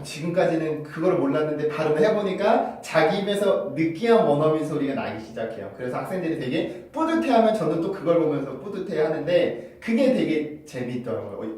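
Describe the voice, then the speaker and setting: A man's voice: a little high, darkish tone, heavy reverb, recorded from a distance, rough recording. A man teaching English pronunciation, explaining patiently and drilling example words over and over, often checking with the class. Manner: explains patiently, often asks "right?" and demonstrates sounds by repeating words. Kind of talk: pronunciation lesson. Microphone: camera-mounted microphone.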